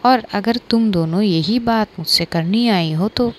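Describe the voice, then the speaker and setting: A woman's voice: medium pitch, a little slow, a little hiss or hum, lightly acted. A woman voicing a sulky young woman student who answers her mother and friends in an irritated, snappish way.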